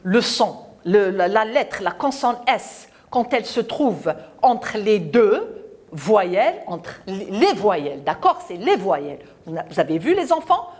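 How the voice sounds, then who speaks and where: On a televised French lesson, a woman primary school teacher with a medium-pitched, darkish voice speaks in an unhurried, sing-song way. She encourages the children emphatically, repeating words and sounds so young pupils can keep up.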